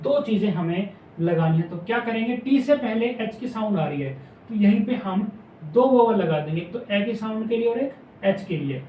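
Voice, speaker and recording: A man's voice: high-pitched, distant mic, dull audio, a little hiss or hum. Man teaching shorthand in an echoey room. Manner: repeats each word slowly, asks questions back to the class. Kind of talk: explaining step by step. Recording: echoey room, mic some way off.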